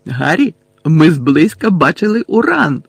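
Guy doing a giggly out-of-it teen wizard boy, high and loud, storybook voice. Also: big pitch swings, unhurried, gravelly, breathy edge, dry recording, exaggerated voice. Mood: giddy dazed. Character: teenage boy wizard, giddy and dazed from a curse.

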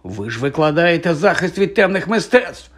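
A man's voice: medium pitch, brisk, natural voice. A man voicing an earnest, incredulous young schoolboy wizard.

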